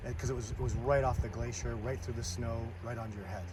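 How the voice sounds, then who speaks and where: A man's voice: mid-range voice, fairly even intonation. A middle-aged man casually interviewing and coaching someone outdoors by a river. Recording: distant mic, loud rushing water noise.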